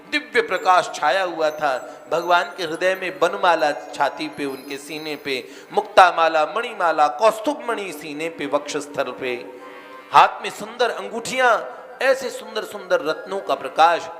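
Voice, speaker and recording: A man telling a devotional story as a sermon, animated and acting out voices. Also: high-pitched. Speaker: spiritual storyteller. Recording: reverberant hall, faint music behind.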